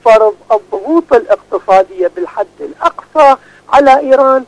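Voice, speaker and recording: A man phones in to the program, his voice coming down a phone line. He speaks in a very high register and delivers a formal, prepared-sounding statement. The sound is dry, with no room around it. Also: animated, brisk, dry recording. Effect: heard over a phone line. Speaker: phone-in caller.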